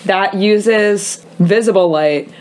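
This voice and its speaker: A woman's voice: medium pitch, slow pace, a little mellow. A young woman from the United States co-hosting a podcast in casual chat, rambling and giggling with lots of "like". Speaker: podcast co-host.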